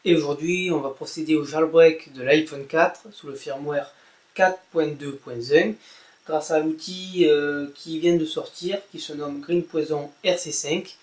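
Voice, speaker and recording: A tech blogger narrates a casual tutorial in a slightly high, steady voice, going a little slow. He hesitates often with fillers and says "voilà" after each step.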